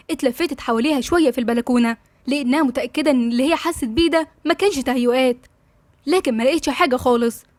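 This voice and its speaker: Fast-reading Egyptian woman narrator. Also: sits high, dry recording. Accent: Egyptian Arabic. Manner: rapid, steady storytelling. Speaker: novel narrator. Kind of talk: scripted narration.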